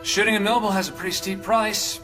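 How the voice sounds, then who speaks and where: A man's voice: high voice, fairly even intonation, fairly quick, over music, close to an everyday voice. A man playing a wisecracking laid-back soldier. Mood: wry. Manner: sarcastic, easygoing quips. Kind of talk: anime dub acting.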